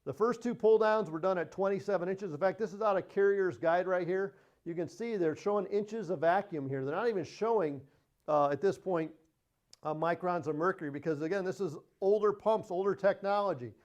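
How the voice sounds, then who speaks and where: Male instructor, higher voice, plain-spoken lecture on equipment. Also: fairly quick, a little mellow, lo-fi sound. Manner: plain-spoken, repeats key points. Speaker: HVAC trainer. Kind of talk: technical training presentation.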